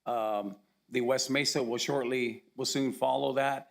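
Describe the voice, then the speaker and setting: A hoarse man with a gravelly voice, reporting to a county commission in a halting, formal manner with many fillers. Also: medium pitch, steady tone. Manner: halting, with frequent uh and um. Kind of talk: formal public meeting report. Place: county commission meeting room.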